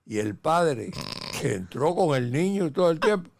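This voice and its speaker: Older grandfather host, gravelly and a bit high, tells lively stories that keep restarting. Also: normal speed. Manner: animated storytelling with many restarts. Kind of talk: casual family chat.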